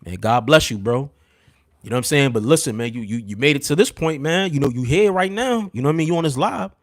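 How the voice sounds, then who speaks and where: A man in his thirties or forties tells stories to a live chat in a casual, animated, streetwise way, with a mid-range voice. He fills his talk with "you know what I'm saying" asides and goes hushed and low when the story turns tense. The sound is close and dry, with no room echo. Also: fast talker. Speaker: livestream host.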